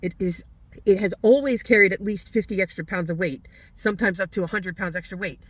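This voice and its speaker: A woman's voice: mid-range voice, brisk, no echo, low-quality recording. A woman vlogger delivering a heated, blunt, profane rant straight to camera. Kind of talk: ranting monologue to camera.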